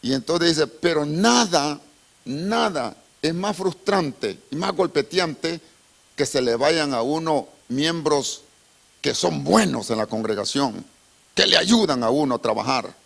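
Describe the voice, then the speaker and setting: A male pastor preaching a sermon in church, telling a story with strong emotion and swinging between hushed and raised delivery. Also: a little high, animated, a little slow, creaky.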